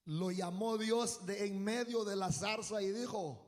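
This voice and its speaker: A man preaching a fervent sermon as pastor, calling out to the congregation, shouting and drawing out his phrases. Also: high-pitched, unhurried, long reverb tail. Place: church.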